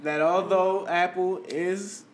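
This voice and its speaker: A man's voice: high-pitched, fairly even intonation, slow pace, a little hiss or hum. Upbeat male podcast moderator. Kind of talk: casual podcast chat.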